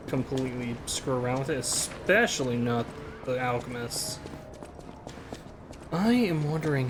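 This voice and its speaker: A man talks slowly and unhurriedly while he plays, muttering his thoughts to himself as he works out where to go. His voice sits at an ordinary pitch. Game sounds play clearly behind him. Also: background noise. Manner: mutters to himself, thinks aloud. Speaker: game streamer. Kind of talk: casual gameplay commentary.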